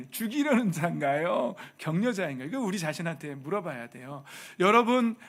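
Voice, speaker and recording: A male pastor preaching a lively, humorous sermon, acting out bits of everyday speech for the congregation. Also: high-pitched. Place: church sanctuary.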